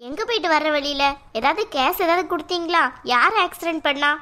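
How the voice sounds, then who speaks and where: A woman's voice: high voice, lively intonation, fairly quick, pushed and bright. A woman voicing a nosy, scheming female relative who probes and insinuates, in a cartoon. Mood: probing. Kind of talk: cartoon voice acting.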